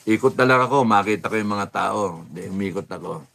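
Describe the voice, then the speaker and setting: A man telling a casual anecdote. He is animated and laughs often, sometimes drops to a low, soft mumble, and acts out the voices of people he quotes. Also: brisk, gravelly. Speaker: storyteller recounting a rally.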